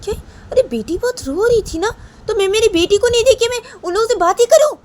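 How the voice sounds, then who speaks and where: A woman voicing an indignant young mother who nags her partner in a loud, high-pitched voice. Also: animated, moderate pace.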